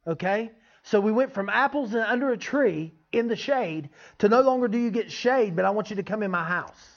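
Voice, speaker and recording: A preacher delivers an informal, folksy teaching sermon, frequently checking in with his listeners. His voice sits high and is expressive and brisk, captured on a dull, lo-fi recording.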